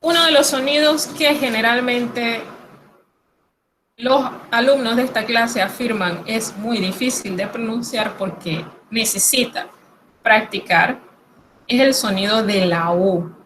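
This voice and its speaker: Woman, French teacher, slow deliberate pace, patient and reassuring, faint background noise. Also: on the high side, fairly bright tone, low-quality recording. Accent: Latin American Spanish. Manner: patient, reassuring, explains step by step. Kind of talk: recorded lesson explaining pronunciation.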